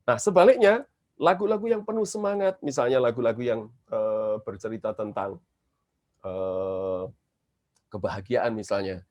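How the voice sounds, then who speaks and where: A man's voice: fairly low pitch, unhurried, darkish tone. A man with an Indonesian accent teaching children's songwriting in a webinar, explaining patiently and singing short examples. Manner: explains patiently, breaks into short sung demonstrations. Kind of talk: webinar lecture with sung examples. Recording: dull lo-fi webinar audio with faint guitar.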